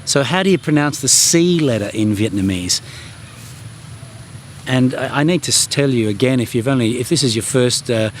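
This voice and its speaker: A man hosts a casual travel language lesson to camera, chatty and self-deprecating, full of ums and restarts. His mid-range voice moves at normal speed, with slight background noise.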